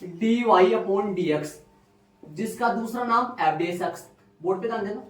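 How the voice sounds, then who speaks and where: A man's voice: high voice, normal speed, fairly bright tone, far from the mic. Man teaching maths in an echoey room. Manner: repeats key phrases and quizzes students. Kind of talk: classroom lecture. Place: classroom with students. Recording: roomy, from afar, faint music.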